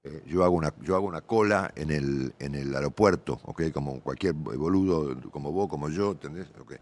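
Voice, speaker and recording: A middle-aged Argentine man, a veteran radio journalist, talks casually and at length in an interview with an Argentine Spanish accent. He rambles colloquially and uses frequent tag questions. His bass voice is a little mellow, at normal speed.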